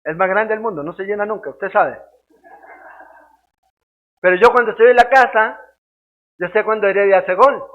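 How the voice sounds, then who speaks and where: A man teaching a Bible study as a pastor, lively and conversational, often checking that listeners follow. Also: high-pitched, moderate pace, pauses often. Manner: keeps asking "¿ya?" to check understanding, lively and conversational. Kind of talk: sermon-style Bible teaching. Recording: tinny phone-like sound.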